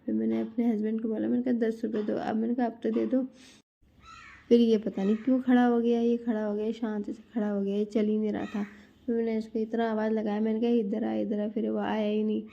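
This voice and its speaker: Gravelly chatty woman vlogger. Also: fairly high pitch, flat delivery, fast talker, dull audio. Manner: chatty storytelling, addresses viewers as guys. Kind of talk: casual vlog narration.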